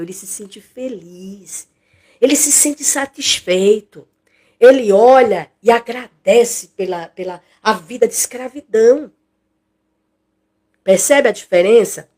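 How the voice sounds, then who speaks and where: A woman's voice: a little high, animated, unhurried. A woman teaching an expository Bible study in a conversational way, repeating phrases and acting out what people say.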